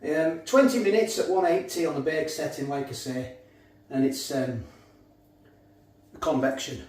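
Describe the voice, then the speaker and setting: A man's voice: a little high, animated, a little slow, a little mellow, reverberant. A man doing a casual review of a supermarket meal kit in his kitchen, chatty and self-mocking with rambling asides. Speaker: food reviewer. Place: home kitchen.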